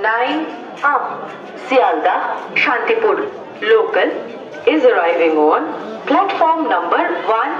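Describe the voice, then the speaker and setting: A woman's somewhat high voice comes from distant station speakers, making a formal, scripted train announcement in three languages, pieced together phrase by phrase. The echoing PA sound is muffled and mixed with the crowd.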